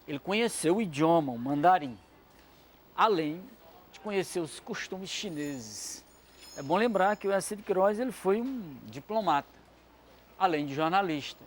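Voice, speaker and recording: Male literature commentator, slightly raised pitch, rambling, hedging asides, light hiss behind. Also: expressive, normal speed. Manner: discursive, many asides and fillers. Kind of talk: educational talk.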